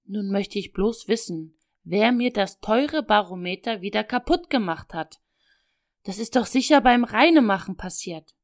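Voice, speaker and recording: A woman's voice: medium pitch, sing-song, unhurried. A woman voicing a father, a doctor who speaks firmly to his little daughter with a fond undertone. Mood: angry. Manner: firm, then gently teasing. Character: father, a stern but loving doctor.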